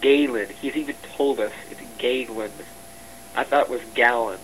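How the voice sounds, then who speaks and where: A man in his twenties ranting defensively in a voice chat, halting and repeating himself as he explains his role as a game server staff member. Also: mid-range voice, steady tone, slight background noise, low-quality recording. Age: 20s. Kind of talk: voice chat rant. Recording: music playing clearly behind the voice.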